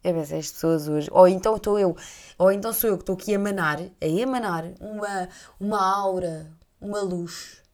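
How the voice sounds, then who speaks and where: A young adult woman with a European Portuguese accent, hosting a casual chat and telling anecdotes in an animated way, laughing often and acting out voices. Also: medium pitch, fairly quick. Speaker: podcast host.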